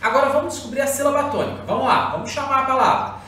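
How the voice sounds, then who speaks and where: A woman teacher with a Brazilian Portuguese accent, explaining a recorded lesson to schoolchildren in a lively, drawn-out way. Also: high-pitched. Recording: roomy echo, far from the mic.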